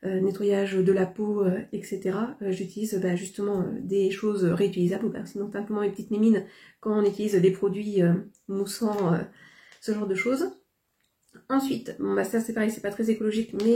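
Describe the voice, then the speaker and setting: A woman's voice: medium pitch, dark tone. A young woman chatting casually to camera about her shopping haul, hesitant and full of fillers. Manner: hesitant, many fillers and restarts. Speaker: haul vlogger.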